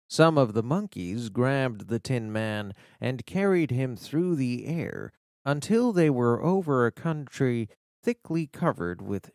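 A man with a medium-pitched voice narrates a children's fantasy story as an audiobook reader. His storytelling is slow and animated, and the clean studio recording has no echo.

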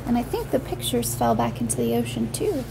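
Animated and a little fast, a young woman with a gravelly voice on the high side reads a picture book as if to small children, describing scenes and asking simple, wondering questions. She's in a small room at home, and noticeable background noise comes through the recording.

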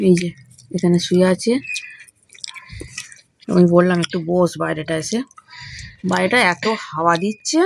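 Housewife vlogger with a hoarse, gravelly voice, casual cook-along chat in a noisy kitchen. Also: female voice, fairly low pitch. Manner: talks to herself while cooking, thinking aloud. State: hoarse, voice gone. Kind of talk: casual cooking vlog chat. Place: home kitchen. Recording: noisy home recording.

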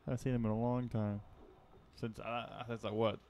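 A man in his early twenties, with a voice of middle pitch, chats his way through a movie commentary. He swears freely and rambles, stumbling over his words now and then. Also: little pitch movement, a little fast, darkish tone, a little hiss or hum. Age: 20s. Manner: swears a lot, rambling, stammers at times. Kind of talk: casual movie commentary chat.

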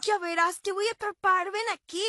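A shrill, squeaky puppet woman who yells threats. Her bright, piercing tone drags out slowly and comes from a little off the mic. It belongs to a homemade cartoon puppet dub. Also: little pitch movement, a little hiss or hum. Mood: angry, pained. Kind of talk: fan dub of puppet show.

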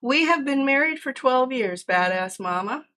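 A woman's voice: high voice, expressive, normal speed, sharp tone. An American woman hosting a casual cooking livestream from her home kitchen, chatting and explaining each step as she cooks. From United States. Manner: chatty, explains steps while cooking and answers chat. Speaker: cooking stream host.

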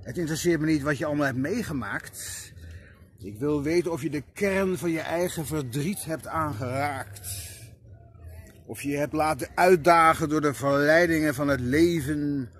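A man reading a prose text aloud at a reading circle, slow and measured. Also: on the high side, a bit bright, a little hiss or hum. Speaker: prose reader.

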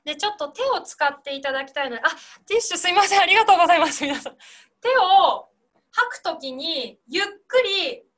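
A woman leads an online singing class over a video call. Her voice is high and bright. She explains gently and demonstrates each breath and consonant sound herself. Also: lively intonation, a little fast. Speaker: singing teacher.

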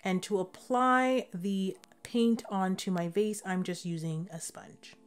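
A young adult woman giving a relaxed, step-by-step voice-over for a DIY home decor tutorial. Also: medium pitch, slow, faint music behind.

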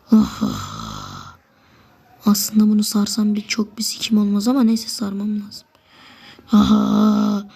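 A woman giving live gameplay commentary, swearing at opponents and getting worked up, sometimes dropping to a whisper. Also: medium pitch. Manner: excitable, swears a lot, talks to opponents; drops to a whisper at times. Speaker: gamer.

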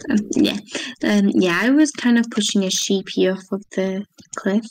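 A woman's voice: medium pitch, steady tone, normal speed, creaky, crowd noise, rough recording. A woman chatting laid-back while playing a video game, teasing her friend. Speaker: gamer. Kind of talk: casual gaming chat.

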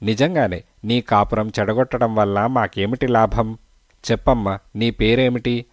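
A man voicing a calm, kindly male detective in an audiobook, questioning a witness with gentle patience. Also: lowish voice, normal speed, no echo, clean studio sound, lightly acted. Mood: gently probing.

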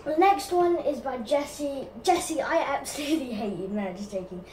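A woman's voice: sits high, normal speed, darkish tone, far from the mic, a little hiss or hum. A woman answering fan questions in a casual vlog, giggly and apologetic, with lots of ums. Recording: echoey room, from off mic.

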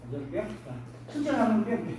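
A man's voice: high-pitched, very animated, racing, far from the mic, very noisy. A middle-aged man coaching boxing hands-on, giving short punchy commands and calling out punch sounds. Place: boxing gym. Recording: echoey gym, mic from afar.

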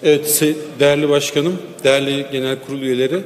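A member of parliament speaks fast and flatly in a medium-pitched voice into a lectern microphone at the rostrum of a large parliamentary chamber. In this floor speech he defensively rebuts accusations point by point, and the big hall adds long, echoey reverb.

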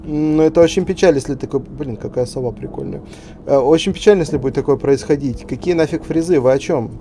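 A man's voice: fairly high pitch, fast talker, dark tone, slight background noise. A man giving casual commentary as he plays a video game. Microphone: voice-over over game audio. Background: game music.

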